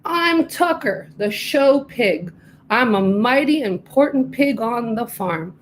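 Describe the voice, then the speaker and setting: A woman voicing a big, proud male show pig in a storybook reading, talking pompously and slowly. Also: fairly high pitch, expressive, slight background noise. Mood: boastful. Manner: pompous, slow and drawn-out.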